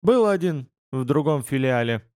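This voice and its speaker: A man's voice: mid-range voice, expressive, moderate pace, a little mellow, smooth, no echo, clean studio sound, lightly acted. A man voicing a wary young male shop cashier who answers in a cautious, matter-of-fact way, in an audiobook reading.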